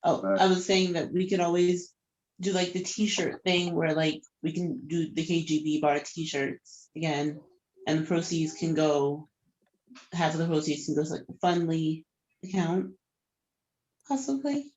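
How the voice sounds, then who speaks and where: A woman's voice: sits low, a little slow, a little mellow. Upbeat woman on a dull lo-fi call. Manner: upbeat, full of "like". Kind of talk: casual chat. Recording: dull lo-fi line.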